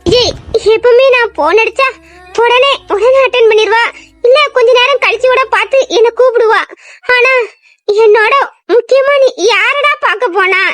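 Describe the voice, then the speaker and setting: A woman's voice: very high voice, moderate pace, a bit bright, no room sound. A woman voicing a worried, tearful young woman doctor who pleads anxiously. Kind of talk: audio drama acting.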